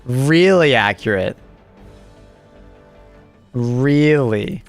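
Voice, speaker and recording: A man's voice: mid-range voice, animated, very slow, vocal fry, soft background music. A man live streaming, chatting casually with his viewers and reacting to their messages with joking, rambling asides.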